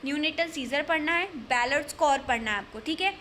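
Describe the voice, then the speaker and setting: A woman's voice: high-pitched, fairly quick, sharp tone, slight background noise. A woman tutoring nursing exam candidates, speaking earnestly and repeating her points to urge them on. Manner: earnest, repetitive, urging. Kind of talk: exam-prep lesson talk.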